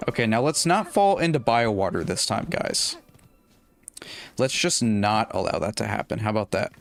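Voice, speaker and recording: A young man giving relaxed, casual commentary while playing a video game, talking to himself and his viewers. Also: on the low side, normal speed, gravelly. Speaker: gameplay streamer. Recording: faint game music behind. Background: faint game music.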